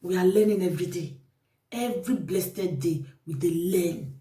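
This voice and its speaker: A woman's voice: fairly low pitch, normal speed, mellow. Nigerian pidgin lady vlogging advice, keeps repeating herself like preaching, roomy echo, mic kinda far off. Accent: Nigerian Pidgin English. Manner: repetitive, exhorting, preachy. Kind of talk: casual advice monologue to viewers. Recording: echoey room, mic at a distance.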